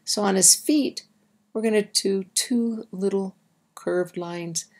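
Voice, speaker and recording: In a medium-pitched voice with a darkish tone, a woman reads slowly to little children. She addresses the listener directly as a storybook reader and drawing guide, using simple instructions.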